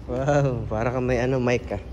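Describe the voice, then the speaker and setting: A man's voice: medium pitch, fairly even intonation, moderate pace. A man with a Filipino accent chatting casually and teasingly for a running vlog, outdoors in a park. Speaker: vlogger. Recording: noisy outdoor recording with traffic. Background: vehicles, outdoor ambience.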